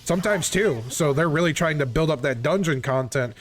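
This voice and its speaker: A man's voice: a little high, brisk, a little hiss or hum. A man in a casual gaming chat, complaining insistently and repetitively with frequent casual swearing. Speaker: video game player.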